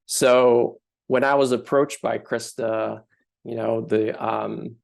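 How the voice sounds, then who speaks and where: A man from Finland, giving a thoughtful artist talk with frequent pauses and fillers. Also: mid-range voice, steady tone, vocal fry. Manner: thoughtful, hesitant with many fillers.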